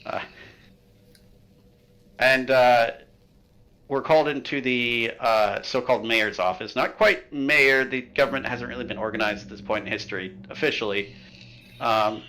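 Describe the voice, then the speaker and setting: A man's voice: mid-range voice, fairly even intonation, unhurried, long pauses, sharp tone, rough recording. A man running a tabletop horror game, recapping the story in casual livestream chat, joking and rambling with lots of filler sounds. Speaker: game master.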